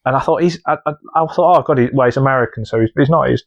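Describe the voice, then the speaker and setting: A man's voice: mid-range voice, very fast, creaky, dull audio. A man co-hosting a podcast in casual chat, rambling with lots of fillers and restarts. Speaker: podcast co-host.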